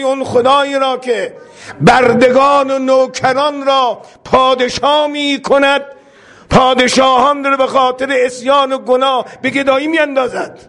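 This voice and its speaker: A man's voice: extremely high pitch, fairly bright tone. A male preacher giving a religious sermon, telling stories with humor and acting out the characters.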